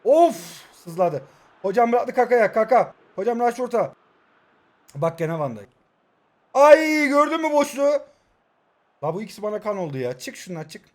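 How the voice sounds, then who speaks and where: Excitable young man commentating his game. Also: sits high, brisk. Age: 20s. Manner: excitable, shouts at players, mutters asides. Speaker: mobile football gamer. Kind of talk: live gameplay commentary.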